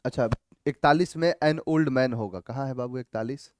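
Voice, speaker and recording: A man teaching an English grammar class, reading each sentence slowly and then explaining it in a mix of two languages, sometimes calling students "babu". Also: mid-range voice, no room sound, studio quality. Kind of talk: online class going over grammar answers.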